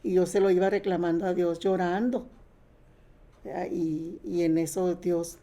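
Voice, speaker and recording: A woman's voice: on the low side, steady tone, measured pace, dark tone. An older woman sharing her personal testimony in a plain conversational way, retelling past conversations.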